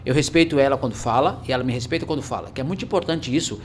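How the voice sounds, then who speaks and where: Man, 40s, fast-talking, emphatic podcast storyteller. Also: medium pitch, slight background noise. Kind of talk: casual podcast conversation.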